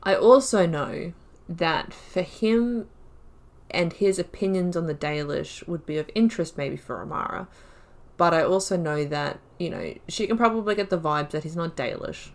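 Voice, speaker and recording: A young woman who makes gaming videos chats casually through a let's-play, thinking aloud about her story choices. Her voice sits on the low side and moves at a moderate pace.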